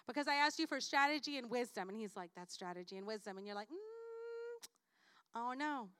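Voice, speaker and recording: A woman from Puerto Rico preaches a sermon with a high, bright, ringing voice. She is lively and playful, slipping into the voices of the people in her stories. The sound is dry and close, with little room echo. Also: fast talker, clear, resonant tone. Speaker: guest preacher.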